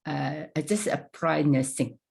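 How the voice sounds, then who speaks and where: An older woman from Vietnam talks about her past with her granddaughter in a casual interview. Her voice sits low and gravelly, with a mellow, dark tone. She talks in short, halting phrases and often restarts a thought. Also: steady tone. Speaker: guest.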